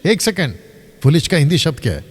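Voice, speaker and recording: A man, a pastor teaching live from the Bible in an animated way, stopping his reader and quizzing the audience. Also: a little high, quick pace, slightly rough. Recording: long hall reverb.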